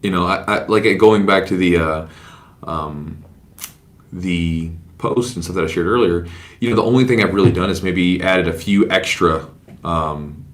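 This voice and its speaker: A man in his thirties with a Southern US accent, hosting a casual podcast and telling stories in an animated way. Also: sits low, moderate pace. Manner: storytelling, animated when quoting others. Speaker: podcast host, jiu-jitsu coach.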